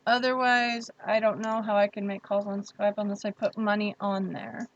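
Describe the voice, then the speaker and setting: A woman's voice: mid-range voice, little pitch movement, moderate pace, dull audio. A young woman hosting a casual livestream, chatting freely and reading viewer comments aloud. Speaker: livestream host.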